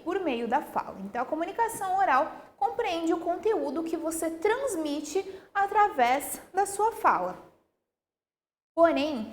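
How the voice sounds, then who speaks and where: A young adult woman with a Brazilian Portuguese accent, teaching a recorded school lesson in an explanatory way, checking in often with the pupils. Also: high voice. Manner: explanatory, frequent tag questions.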